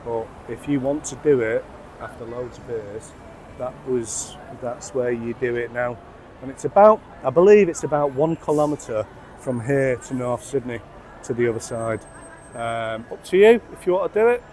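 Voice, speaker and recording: This casual walking vlog follows an English man in his forties with a Mancunian accent, tipsy on beer, who chats and swears freely while filming a pub crawl on a handheld phone. He's outdoors on city streets and at a busy rooftop bar. His medium-pitched voice is animated and darkish at a moderate pace, with a little hiss or hum in the background.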